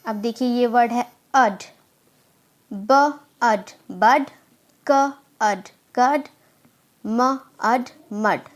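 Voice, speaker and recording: A woman, teaching a phonics lesson and slowly sounding out letters before blending them into words. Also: a little high. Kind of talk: slow phonics drill.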